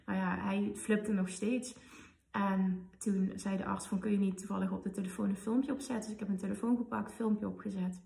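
A woman in her thirties, a podcast host, telling a personal story in an emotional, animated way. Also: medium pitch, moderate pace, gravelly. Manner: emotional, animated retelling with quoted dialogue. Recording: roomy, slightly distant mic.

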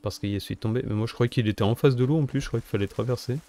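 A man's voice: medium pitch, quick pace, dark tone. A man co-hosting a gaming video, chatting casually and jokily with a friend as he plays. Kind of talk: casual gameplay commentary with a friend.

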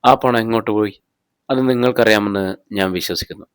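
A man's voice: fairly low pitch, steady tone, fast talker, smooth, no room sound, lightly acted. A man reading as a shrewd, probing police officer. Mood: pressing. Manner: probing, pressing questions.

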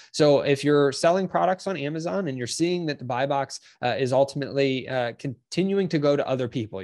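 A congested man with an ordinary mid-range voice talks through a tutorial in a relaxed, chatty way. He sounds upbeat and friendly, with lots of small fillers as he goes. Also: mid-range voice. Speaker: channel host. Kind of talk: casual tutorial explanation.

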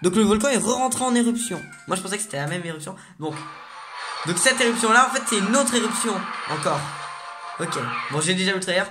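Excitable gamer reacting out loud. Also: mid-range voice, fast, music in the background. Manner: excitable, reads menu text aloud. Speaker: gaming video host. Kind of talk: casual gameplay commentary.

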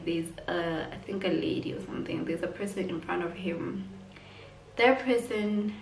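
Young woman telling a story. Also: on the low side. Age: 20s. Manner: rambling, filler-heavy retelling with "like" and "whatsoever". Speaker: vlogger. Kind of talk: casual storytelling to camera. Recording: roomy, distant from the mic, faint background noise.

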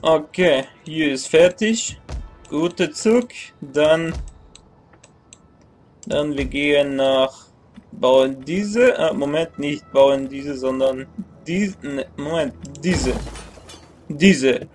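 A young man in his twenties, a let's-play gamer, talks casually through a strategy game at his computer in a small room, thinking aloud, grumbling and correcting himself. His voice is a little high and he speaks extremely slowly, with faint music in the background.

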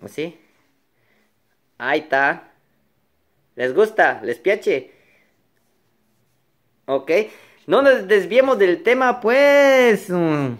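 A man's voice: sits high, extremely slow, long pauses. A nervous, playful man chatting casually to his viewers as a vlogger, joking and singing to himself. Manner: excitable, playful, jokes and sings along.

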